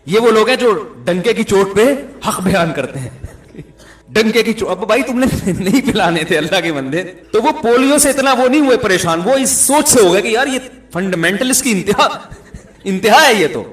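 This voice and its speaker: A middle-aged man preaches in a lively, joking storytelling manner. His voice sits fairly high. The sound carries a roomy echo. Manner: lively storytelling with humor, often chuckling. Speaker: Islamic preacher. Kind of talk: Urdu religious talk with anecdotes.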